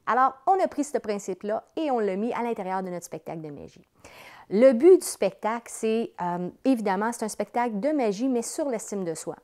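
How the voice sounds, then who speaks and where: A woman's voice: a little high, lively intonation, brisk, a little mellow. A woman with a Quebec accent enthusiastically explaining her children's show in a promotional interview. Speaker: children's entertainer, company president.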